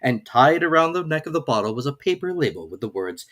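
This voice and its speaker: Reading a children's classic, a storybook narrator uses a lively, mid-range voice that moves widely in pitch. She talks fast, with a theatrical, expressive delivery and the occasional small stumble over a word.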